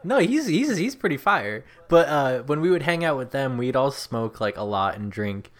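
A young man co-hosting a podcast, chatting casually and telling stories with quick laughs. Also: medium pitch, very animated. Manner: laid-back storytelling, quick laughs. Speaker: podcast co-host. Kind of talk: casual chat.

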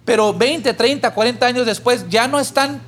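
His voice very high-pitched and his speed normal, a male church podcast co-host shares a parable as conversational teaching. He's a lively storyteller who gets louder when the character pleads.

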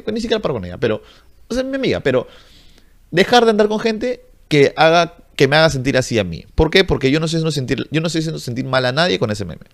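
A young man, ranting bluntly and profanely to camera in a casual vlog. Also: on the high side. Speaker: vlogger.

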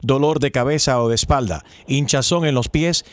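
Man doing a deadpan automated phone menu voice. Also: medium pitch, normal speed, no room sound, close to an everyday voice. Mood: deadpan, official. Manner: phone menu voice, formal scripted announcements. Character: deadpan automated phone menu voice giving absurd health notices and advice. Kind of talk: prank call.

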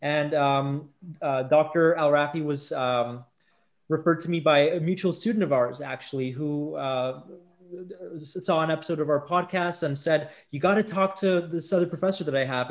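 A man hosting a podcast interview, talking casually with many fillers and restarts. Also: fairly high pitch. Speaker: podcast host.

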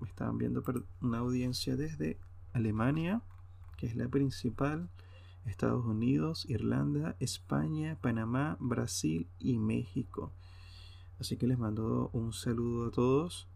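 Gravelly and dark, this mid-range male voice keeps a measured pace in a recording with no echo. He's a Venezuelan podcast host rambling through an unscripted solo monologue, informal and hesitant.

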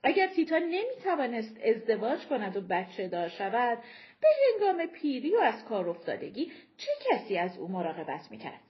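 A woman narrating an audiobook in a dramatic, expressive storytelling manner. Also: fairly high pitch, dull audio.

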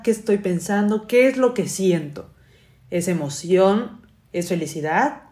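A woman hosts a casual self-help podcast in a chatty, questioning way. Her voice sits at a middle pitch. The room around her is noticeably echoey. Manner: warm, chatty, many rhetorical questions. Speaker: podcast host.

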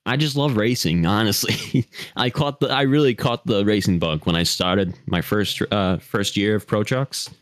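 A man's voice: fairly low pitch, normal speed, no echo. A young man co-hosting a casual podcast, rambling and laughing at himself as he talks. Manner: giggly, rambling, self-deprecating. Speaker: podcast co-host, driver.

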